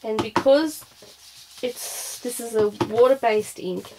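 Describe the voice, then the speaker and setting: A woman's voice: on the high side, slow. A woman presenting an informal craft demonstration, thinking aloud as she goes. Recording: clear background noise, clicks.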